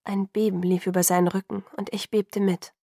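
A woman narrating an audiobook in the first person, measured and sometimes hushed. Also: mid-range voice, little pitch movement, vocal fry, no echo, clean studio sound.

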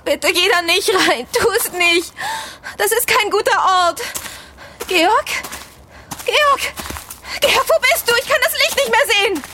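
A woman playing a terrified woman lost in the dark in a radio play, pleading and repeating herself in a very high voice. Her pitch swings widely as she panics, over a noisy recording. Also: lively intonation, measured pace, heavily acted.

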